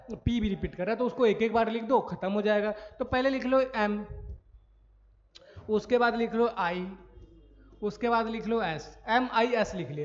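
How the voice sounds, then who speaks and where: A man teaching maths in a recorded lecture, explaining step by step, asking questions and answering them himself, and often checking whether students follow. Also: sits high. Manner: frequent checks for understanding. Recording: dull lo-fi audio in a reverberant room.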